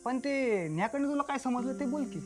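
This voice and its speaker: An actor playing a smooth-talking village landowner, coaxing and pleading in a soft voice. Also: male voice, very high voice, lively intonation, fairly quick, soft background music.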